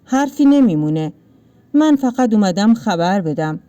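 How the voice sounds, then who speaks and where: A cold village landlord who gives orders in a calm, curt, menacing way, as a woman narrator puts him on. The voice stays low and mellow, with pitch at an everyday middle level. It is told as part of a read-aloud story. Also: lo-fi sound, lightly acted. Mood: cold menace.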